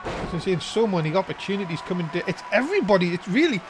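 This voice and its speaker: A man doing informal play-by-play as a wrestling commentator, given to drawn-out, excited calls. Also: high voice, noisy background. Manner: breaks into drawn-out excited shouts at big moves.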